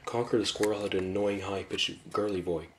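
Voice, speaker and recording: A man giving a casual video game review in a hushed voice, rambling and often restarting his sentences. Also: low voice, steady tone, a little fast, background noise. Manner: hushed, keeping voice down.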